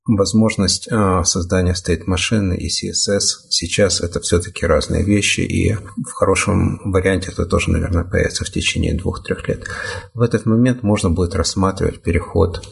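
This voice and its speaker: Deep gravelly man in tech talk. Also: steady tone. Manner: measured, hesitant with frequent fillers. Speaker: software developer. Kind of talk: technical discussion.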